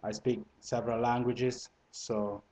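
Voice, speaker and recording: A man raised in Italy speaks English with a blended Italian and French accent. He gives casual, meandering relationship advice to the camera, full of fillers and self-corrections, at a medium pitch. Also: little pitch movement, a little slow, mellow, poor audio. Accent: multilingual, Italian and French mixed into English. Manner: conversational, frequent fillers and restarts. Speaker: vlogger.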